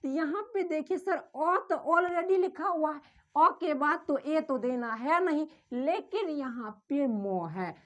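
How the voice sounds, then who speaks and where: A woman teacher explains spelling step by step, calls the viewer "sir" and repeats each sound over and over. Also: high voice. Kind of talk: slow classroom explanation, repeating drills.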